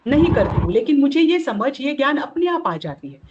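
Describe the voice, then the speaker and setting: एक महिला शिक्षिका वीडियो कॉल पर ऑनलाइन कक्षा में सूत्र क़दम-दर-क़दम समझाती है और बार-बार "है ना?" पूछती है।. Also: female voice, sits high, very animated, a little fast. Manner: explains step by step, often asks "है ना?". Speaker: teacher of Jain logic. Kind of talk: online class lecture. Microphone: video call. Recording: dull lo-fi audio with loud noise.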